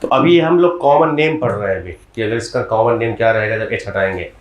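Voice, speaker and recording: A male chemistry teacher giving a classroom lecture, explaining step by step and often putting quick questions to his students. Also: on the low side, roomy sound.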